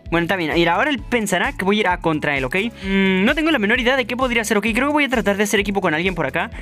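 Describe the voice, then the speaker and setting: A young man giving playful, excitable gameplay commentary to his viewers. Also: high voice, rapid-fire, faint music behind. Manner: excitable, playful, addresses viewers, shouts at big moments. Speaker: gaming YouTuber.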